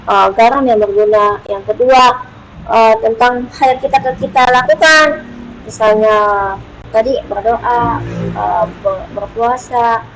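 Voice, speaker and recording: A woman teaching an online Bible study in a casual, unhurried way, pausing often with hesitations and acting out prayers with lively emphasis. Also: a little high, slight background noise, poor audio.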